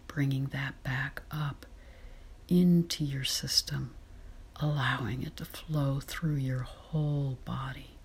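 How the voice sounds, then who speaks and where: Slow, whispering meditation guide, woman. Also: very deep voice. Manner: soft breathy whisper, slow and soothing.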